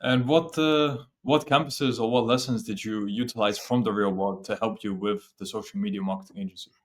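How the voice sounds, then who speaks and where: A man's voice: on the low side, steady tone, brisk. A man hosting an interview, giving short prompts and follow-up questions. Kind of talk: casual interview.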